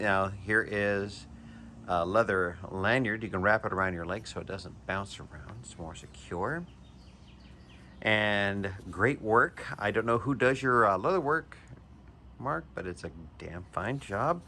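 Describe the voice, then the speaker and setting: A man's voice: fairly low pitch, sharp tone, slight background noise. A man and knife collector giving a chatty, enthusiastic show-and-tell review, with chuckles and hesitant restarts.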